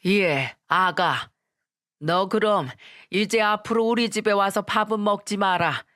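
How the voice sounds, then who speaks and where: A woman's voice: medium pitch, takes it slowly, a bit bright. A woman voicing a stern middle-aged father who lectures his family bluntly, in a scripted story reading.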